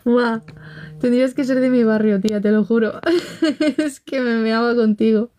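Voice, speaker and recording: A young livestream host from Spain, speaking with a Barcelona accent, chats casually on her phone, greeting viewers, reading comments, and telling gossipy stories with frequent laughter. Her voice is mellow and on the high side, with fairly even intonation and a moderate pace.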